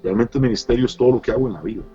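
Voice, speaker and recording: A man's voice: mid-range voice, very fast, mellow, breathy edge, highs cut off, soft background music. A middle-aged man, a pastor giving his personal testimony in an interview, speaking earnestly and reflectively with many hesitant fillers. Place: Costa Rica.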